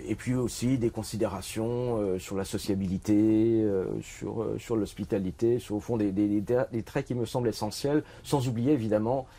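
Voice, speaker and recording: Man, middle-aged, from Switzerland, lowish mellow voice, hesitant with fillers, author speaking in a bookshop. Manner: hesitant, many fillers and restarts. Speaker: author presenting his book. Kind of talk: bookshop talk.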